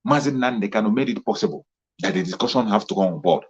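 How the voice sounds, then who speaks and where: A political commentator delivers an impassioned monologue, fervent and rallying, repeating himself for emphasis. His voice is on the low side, animated, and fast, with a breathy edge, heard through a muffled lo-fi recording.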